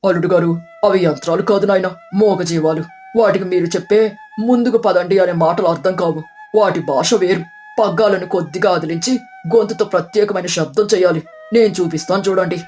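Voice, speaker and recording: Brief: older village father-in-law, steady and kindly, as a voice actor plays him; animated storybook, faint music behind. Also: medium pitch, brisk, natural voice. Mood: patient. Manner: calm, gently advising.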